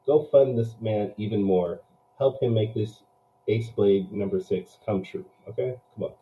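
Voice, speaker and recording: A man hosting a podcast live, chatting casually and pitching in an announcer style, heard through low-quality streaming audio. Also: unhurried, highs cut off. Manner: hype-man pleading, announcer-style intro. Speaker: podcast host.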